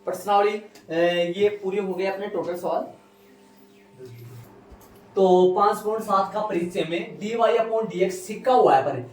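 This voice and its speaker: A man's voice: sits high, a little slow, far from the mic. A male maths teacher giving a classroom lecture, repeating key phrases and quizzing his students. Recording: roomy, from afar, faint music.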